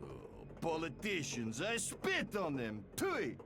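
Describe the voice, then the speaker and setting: A bitter male Russian miner from a video game, griping in broken phrasing with a high, lively voice. His pitch swings all over, and the game audio carries a noisy hiss behind him. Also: slow, heavily acted. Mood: grumbling. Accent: mock Russian. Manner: complaining, broken grammar. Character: grumbling male Russian moon miner NPC.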